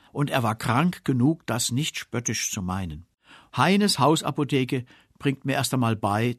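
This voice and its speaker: A man giving a scripted spiritual reflection, measured and quietly self-ironic. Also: mid-range voice, dry recording, studio quality. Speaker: preacher.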